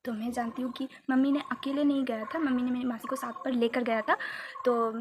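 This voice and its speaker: A woman's voice: on the high side, steady tone, fairly quick. A young woman from India telling a personal story in a casual, chatty way, switching into raised voices when she quotes people. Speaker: vlogger. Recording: faint background noise.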